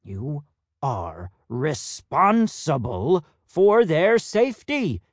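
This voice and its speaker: A man's voice: high voice, sing-song, slow pace, dry recording, pitched above the performer's own voice, exaggerated voice. Man playing a strict fussy head peacock, clipped lecturing, raised voice, dry storybook sound. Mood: stern.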